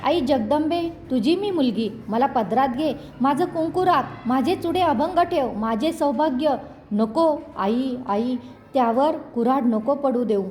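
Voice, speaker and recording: A woman's voice: high voice, expressive, measured pace, a little mellow, a little hiss or hum. A woman voicing a mother praying in desperate devotion. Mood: pleading prayer. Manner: pleading, imploring prayer. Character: devout young mother praying tearfully for her husband.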